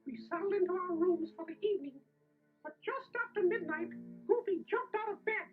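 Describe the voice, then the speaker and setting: A tiny, plucky cartoon mouse tells a storybook tale in an extremely high falsetto. The recording is thin and tinny, with music behind the earnest voice. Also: male voice, lively intonation, a little fast. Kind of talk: children's storybook audio narration and dialogue. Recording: tinny band-limited toy tape.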